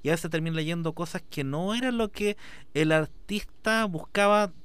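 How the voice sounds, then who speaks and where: A man, an artist appearing as an interview guest, speaks passionately and rambles, leaning heavily on the filler "digamos" in conversation. His voice is fairly high-pitched, fairly bright, and smooth, delivered at a moderate pace with no echo.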